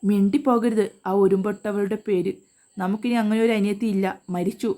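A harsh, domineering older brother in a spoken family story, read by a woman in her own mellow voice. He scolds and barks orders in short angry bursts. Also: medium pitch, fairly even intonation, moderate pace, close to an everyday voice. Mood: stern. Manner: scolding, shouting commands.

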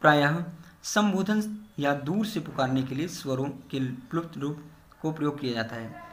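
A man's voice: fairly high pitch, normal speed. A male teacher giving a grammar lesson, explaining step by step and repeating key terms in English. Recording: echoey room.

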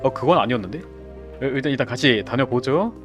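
A young man streams a horror game with live commentary, chatting with teammates and getting excitable, yelping and shouting at the scares. He has a mid-range voice, talks fast, and soft music plays in the background.

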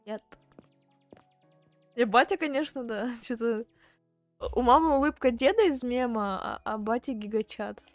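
Young streamer girl, highish voice, jokey and exclamatory, chatting over game music, dry close mic. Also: measured pace, pauses often, no room sound. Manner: expressive, joking, exclamatory. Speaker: vtuber streamer. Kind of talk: casual let's play commentary, reading a visual novel aloud.

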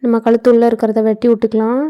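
A woman's voice: on the high side, level tone, racing, lo-fi sound. Chatty woman narrating a sewing tutorial. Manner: casual explanatory, chatty asides. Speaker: tailoring channel host. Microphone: phone.

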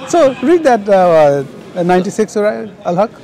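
A high-voiced man debating hard on an outdoor park plaza. He keeps interrupting and pressing with pointed questions, his voice caught by a nearby camera mic. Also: big pitch swings, moderate pace, creaky, dark tone. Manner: insistent, interrupting, challenging. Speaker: street preacher at a debate booth. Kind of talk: heated street debate.

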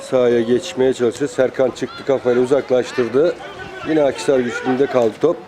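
Calling out player names in clipped phrases, a man delivers live football play-by-play as the commentator at an outdoor amateur match. He speaks at a moderate pace, his medium-pitched voice fairly even in intonation. Crowd noise from outside fills the background.

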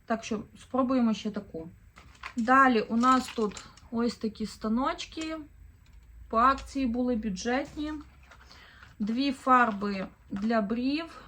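A woman's voice: on the high side, takes it slowly, pauses often, fairly bright tone, slight background noise. A woman in her thirties from Ukraine, chatting casually through a shopping haul as a vlogger, thinking aloud with fillers. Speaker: vlogger, mother of four.

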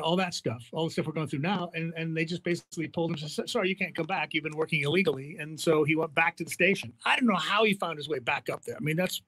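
A man's voice: a little high, a bit bright, poor audio. A man hosting a radio show, talking casually and in a rambling way, with jokes and many restarts. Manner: rambling, full of fillers and restarts, joking. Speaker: radio host. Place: radio studio.

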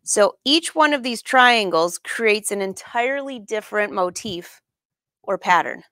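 A middle-aged woman hosts a casual live sewing lesson from an indoor sewing studio, chatting informally and putting questions to her viewers. Her mid-range voice is expressive and sharp in tone, delivered at a measured pace in a dry recording.

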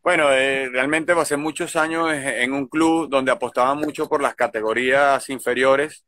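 A middle-aged baseball manager from Venezuela, whose Venezuelan accent is mixed with Galician Spanish, answers interview questions in a relaxed, hesitant way. He was recorded on a phone outdoors by a field, and the sound is dry. His voice is medium-pitched at a normal speed.

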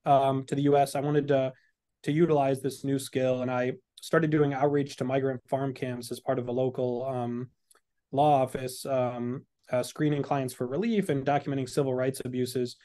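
Frank man on a video call, mellow tone. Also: medium pitch, level tone, moderate pace. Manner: frank, conversational, with fillers. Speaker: law professor, panelist. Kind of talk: webinar panel answer. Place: indoor room on a video call. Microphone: video call webcam.

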